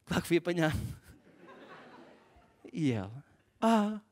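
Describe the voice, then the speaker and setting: A young man with a European Portuguese accent doing live stand-up comedy, animated and self-mocking, swinging from soft asides to loud outbursts. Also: high voice, fairly quick. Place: theatre stage before a live audience.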